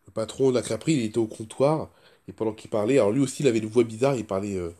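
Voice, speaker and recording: A man with a stuffy nose chats casually in a first-person vlog, talking rapid-fire in a fairly low, warm voice. He has a cold and a sore throat, so he rambles and repeats himself.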